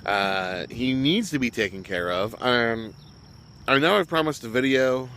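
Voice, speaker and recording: A man's voice: mid-range voice, animated, a little slow, sharp tone, a little hiss or hum. A man talking casually as he reviews a web series episode, rambling with fillers and throwing in jokey asides. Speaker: show reviewer.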